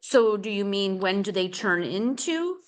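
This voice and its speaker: A woman's voice: mid-range voice, lively intonation, measured pace. A middle-aged woman leading a casual real estate team training, chatty and rambling, with many fillers and restarts.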